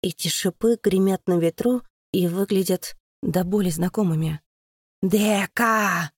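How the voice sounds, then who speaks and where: A woman's voice: fairly low pitch, moderate pace, dark tone, breathy edge, no room sound, studio quality. A woman narrating a first-person fantasy audiobook in a tense, dramatic reading.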